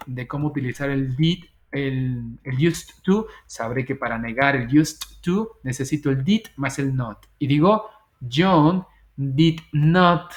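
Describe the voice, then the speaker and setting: A man teaching an English grammar lesson, slowly spelling out English example sentences between his explanations. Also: medium pitch. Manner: slow, deliberate dictation of English example sentences.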